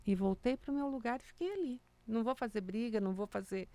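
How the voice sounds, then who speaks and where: A woman's voice: a little high, a little fast, no room sound. A woman, a music teacher for small children, telling stories in casual chat and acting out the quotes in them. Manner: animated storyteller acting out quotes, many "né?" tags.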